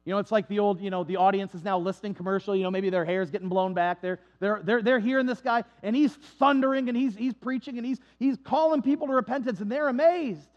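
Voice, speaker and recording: A male pastor preaching a storytelling sermon, animated and conversational, with frequent asides to the congregation. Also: high voice, fast talker, hardly any pauses. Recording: dull lo-fi sound.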